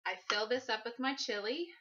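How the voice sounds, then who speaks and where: A woman in her twenties, a fitness vlogger, chats in a casual how-to vlog while demonstrating something in her home kitchen, moving around as she explains in a chatty, practical way. Her voice sits on the high side, pushed and bright, at a moderate pace. A camera mic across the room gives dull, lo-fi audio.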